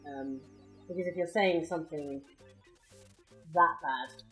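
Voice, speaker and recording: Deep woman co-host, impassioned but trailing off, faint music bed. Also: slow, pushed and bright. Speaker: podcast co-host. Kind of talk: casual chat.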